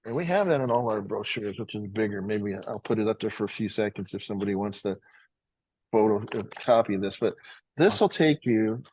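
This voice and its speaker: Rambling, folksy man pitching on a webinar. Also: animated, a little fast, a little mellow, husky, dry recording, rough recording. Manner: folksy, rambling, self-correcting. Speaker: water filtration company founder.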